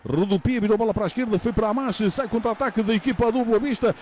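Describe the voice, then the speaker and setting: A middle-aged man commentates on football in a fast, dramatic style with a European Portuguese accent. His voice sits very high and he is excitable in his delivery. He speaks close to the mic, with some stadium noise around him. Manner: excitable, drawn-out shouted goal calls.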